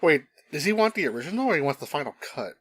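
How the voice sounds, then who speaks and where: A man's voice: on the high side, sing-song, very fast, a bit bright, breathy edge, dry recording, clean studio sound. A man co-hosting a casual podcast, chiming in with short wry remarks. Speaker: podcast co-host.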